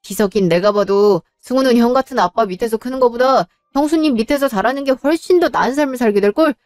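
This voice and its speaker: A woman's voice: fairly high pitch, fast, darkish tone, no room sound, clean studio sound, soft background music, lightly acted. A woman voicing a blunt resentful younger son. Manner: blunt, exasperated arguing. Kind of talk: dramatized story narration.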